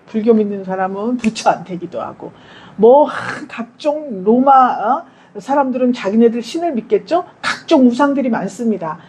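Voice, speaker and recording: High, lively woman preaching. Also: a little hiss or hum, rough recording. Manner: conversational, asks the congregation questions; acts out quoted prayers and dialogue. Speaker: pastor. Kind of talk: Sunday sermon. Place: church.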